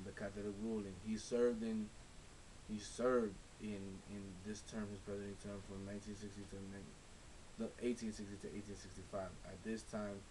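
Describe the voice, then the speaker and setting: A young man from Ecuador gives a class presentation in a low, flat voice, stumbling over his words and restarting often. A steady hiss runs under the recording. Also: low-quality recording. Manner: halting, many restarts and fillers. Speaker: student presenter. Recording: hissy low-fi camera recording.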